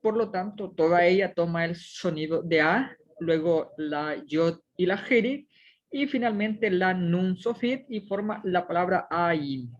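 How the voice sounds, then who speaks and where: A woman's voice: fairly low pitch, lively intonation, a little slow, muffled recording. A woman teaching a Hebrew reading lesson, methodically sounding out each syllable step by step.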